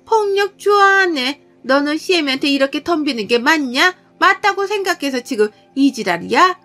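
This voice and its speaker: A woman playing a shrill, scolding old mother-in-law. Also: expressive, normal speed, sharp tone, soft background music. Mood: furious. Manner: shrill, berating, contemptuous.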